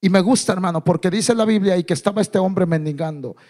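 A man preaching a sermon as pastor. He builds to loud, fervent climaxes and keeps calling the listeners brother. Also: high-pitched, quick pace.

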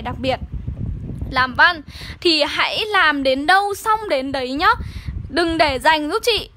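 Bright high-voiced Northern Vietnamese woman teacher. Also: slight background noise. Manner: coaxing, keeps checking in with students. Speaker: literature teacher. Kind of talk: online exam-review lesson.

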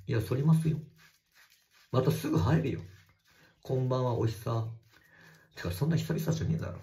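A man livestreaming from a bathroom, reading viewer comments in casual chat and swearing at commenters in a rough, teasing way. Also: medium pitch, expressive, brisk, mellow. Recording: echoey bathroom.

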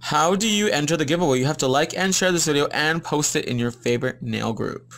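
A man's voice: fairly high pitch, normal speed, a bit bright. A man hosting a live nail-art tutorial, chatting upbeat with viewers as he explains each step. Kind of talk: live-stream demonstration, mixing English and Spanish.

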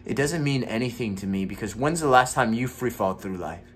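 A man's voice: mid-range voice, animated, brisk, slightly rough, voice pushed up. A young man playing a gloomy, stressed struggling actor in a naturalistic, hesitant dramatic monologue. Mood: frustrated, despairing. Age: young adult. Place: small room indoors at home.

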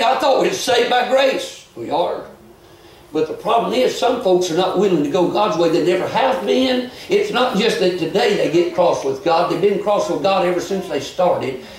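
A man preaching an animated sermon as a visiting preacher, shouting and chuckling as he goes. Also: high voice. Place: church. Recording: echoey church recorded from far off.

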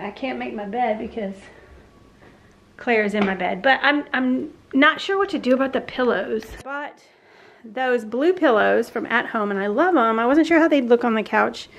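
Filming her home vlog in the living room on a handheld camera at arm's length, a Southern American woman in her forties chats and rambles casually, with plenty of fillers and restarts. Her voice is on the high side, and there is a little hiss or hum.

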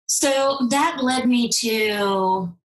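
Joining a candid interview by video call from indoors at home, this guest is an intimacy and sex coach in her forties, raised in then-Soviet Ukraine with Russian as her native tongue. Her somewhat high voice is extremely slow, thoughtful and full of restarts, and the audio quality is poor.

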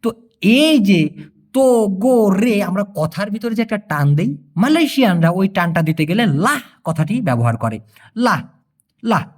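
Lively language teacher. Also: medium pitch, normal speed. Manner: patient explaining, repeats phrases, acts out dialogue lines. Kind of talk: spoken language lesson.

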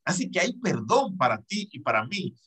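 A man's voice: fairly high pitch, sing-song, moderate pace, bright, forceful tone, breathy edge. A man in his forties preaching an earnest Bible study to young people from a bedroom at home, speaking into a webcam and gesturing with both hands. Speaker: youth Bible study teacher. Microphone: webcam on a video call.

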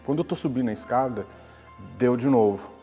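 In a conversational interview, a man in his forties recounts a personal story, restarting often as he goes. His mid-range voice is brisk and warm. He is indoors in a glass-walled lobby that sounds like a large hall, with soft music in the background.

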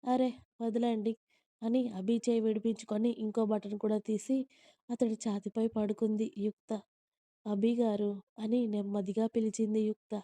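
A woman narrating a romantic family story in a calm, even storytelling manner. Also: medium pitch, brisk, no echo.

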